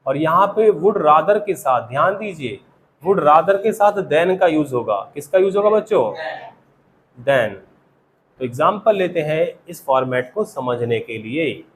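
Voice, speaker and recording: Male classroom teacher, keeps quizzing students; high-pitched. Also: lively intonation, a little slow, slight background noise, poor audio. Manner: quizzing students with repeated questions. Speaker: spoken English teacher. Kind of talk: classroom grammar lesson.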